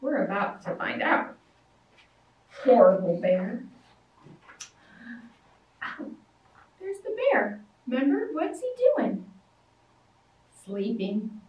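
A children's librarian reads a story aloud to young children in a library storytime room with toys, animated and sing-song, acting out shouts and roars. Her voice is on the high side, slow, with long pauses. A far-off camera catches her from a distance in an echoey room, giving lo-fi sound.

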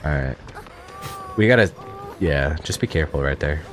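A man's voice: very deep voice, lively intonation, normal speed, background noise. A man streaming a video game, chatting casually with teammates and viewers as he plays. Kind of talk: casual live gameplay chat.

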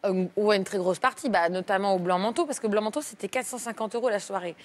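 A woman's voice: medium pitch, fast talker. A woman comedian telling a funny anecdote as a talk show guest, laughing often and acting out the people in her story. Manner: lively, laughs often, acts out quoted voices.

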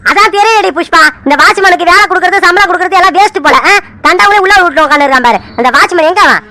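A woman's voice: very high-pitched, very fast, bright, forceful tone, full character voice. A woman voicing a proud, hot-tempered middle-aged father in a cartoon who blusters and snaps at his wife. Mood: blustering.

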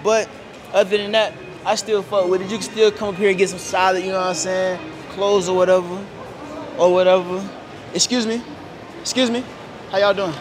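This young man's voice is high-pitched and fairly even, moving a little fast. He hosts a street-interview vlog inside a big shopping mall, using playful slang and plenty of profanity, recorded on a wireless mic during the camera shoot.

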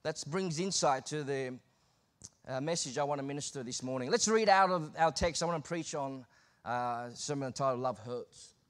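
An Australian man in his thirties, preaching as a guest, speaks at normal speed in a medium-pitched voice through the pulpit microphone on a church stage. What begins as easy, conversational talk turns into emphatic preaching.

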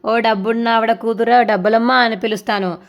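A woman's voice: on the high side, fairly even intonation, a little fast, lo-fi sound, lightly acted. A woman voicing a playful, mocking young man who teases his mother in a retold serial. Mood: teasing. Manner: teasing, sarcastic.

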